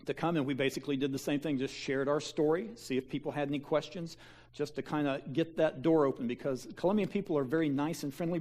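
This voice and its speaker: A Kansas pastor presents a folksy mission-trip slideshow to his church in the sanctuary, full of fillers and restarts. His voice is a little high with a darkish tone.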